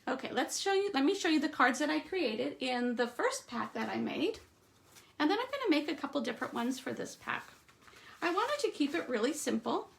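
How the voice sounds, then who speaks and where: A woman giving a live stamping demonstration, chatting through each step and trailing off into quiet asides. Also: high-pitched, vocal fry. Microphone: streaming setup at a craft table.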